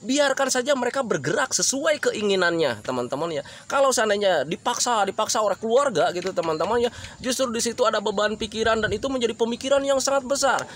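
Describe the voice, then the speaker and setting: High-voiced man giving friendly advice. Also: animated, fast talker, a bit bright, slight background noise. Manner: addresses listeners as friends, many fillers, acts out example phrases. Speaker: health talk presenter. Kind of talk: casual advice monologue.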